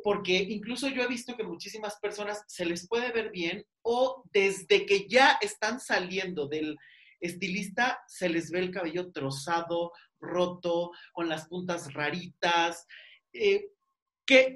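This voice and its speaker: A man's voice: sits high, unhurried, fairly bright tone. A man with a Mexican accent hosting a podcast interview, talking in a chatty, rambling way and laughing often. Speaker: podcast host. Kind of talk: casual interview chat.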